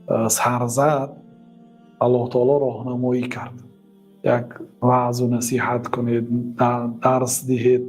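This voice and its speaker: A man's voice: mid-range voice, a little mellow. A man with a Tajik accent, an Islamic teacher giving a religious lesson who recites Arabic verses and translates them line by line.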